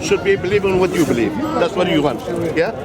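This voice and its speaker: A man argues in an open-air park debate, insistent, circling back to the same points. His voice is fairly high. A thick, loud crowd surrounds him. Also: lively intonation, fast talker. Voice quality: insistent, repetitive. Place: outdoors in a park among a crowd.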